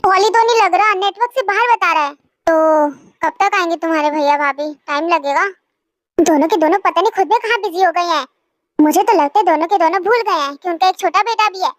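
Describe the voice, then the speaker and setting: A woman's voice: very high voice, no room sound, clean studio sound. A woman voicing a young aunt who scolds and coaxes her nephew in a fan drama dub. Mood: fussing. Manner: scolding, coaxing, quick.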